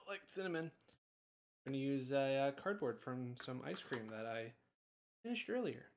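A man filming a casual home vlog, excitable and bursting into loud disbelief. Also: medium pitch, a little slow, gravelly, pauses often. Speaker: video creator.

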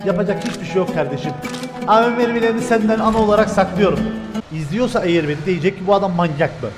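A young man giving joking, excitable live commentary over his gameplay, often shouting. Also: high voice, fast talker, music in the background. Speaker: gaming streamer.

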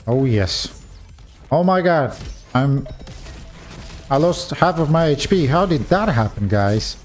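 A young man giving casual gameplay commentary, talking straight to his viewers with frequent excited exclamations. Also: on the high side, takes it slowly, a little hiss or hum.

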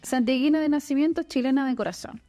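A woman's voice: high voice, fast, dark tone. A woman in her forties hosting an office studio interview, chatty and encouraging with her guest. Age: 40s. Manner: chatty, encouraging, laughs easily. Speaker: podcast host. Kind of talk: casual interview chat. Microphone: desk boom mic.

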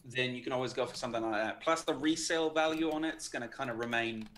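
A man's voice: mid-range voice, fast, a bit bright. Young New man, faint background noise. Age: young adult. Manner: informal, sweary. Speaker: co-host. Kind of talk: casual livestream chat. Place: indoor room, livestream video call.

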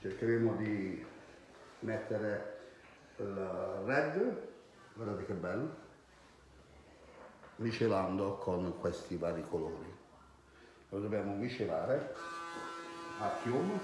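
A man in his forties explains his salon work in a casual, halting way. He talks slowly at an average pitch. The room is very echoey, with faint noise behind him. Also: expressive, darkish tone. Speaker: hairdresser. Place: indoor hair salon. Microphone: phone held a short distance away.

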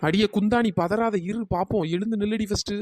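A woman voicing a sly, quick-witted young village woman who talks her way out of trouble, brisk and persuasive. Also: mid-range voice, fairly even intonation, a little mellow, slight background noise, close to an everyday voice. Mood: scheming. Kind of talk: cartoon storytelling.

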